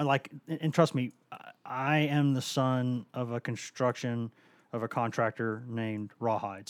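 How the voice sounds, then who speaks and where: A male sports reporter and co-host recounts anecdotes in relaxed, conversational talk. He is animated and often breaks into voices of the people he describes. His pitch sits in the ordinary middle range. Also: dry recording. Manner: animated storyteller, fond of impressions. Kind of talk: casual chat.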